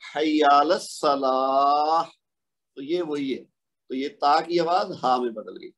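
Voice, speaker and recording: Patient, fairly high-voiced male teacher. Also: animated. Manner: patient, explaining step by step with questions to the learner; slows down to draw out example words. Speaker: Quran recitation teacher. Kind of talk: recorded online lesson.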